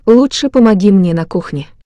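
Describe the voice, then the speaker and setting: A woman calmly reading translations of short phrases, one after another. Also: mid-range voice, normal speed, dry recording. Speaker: translation reader.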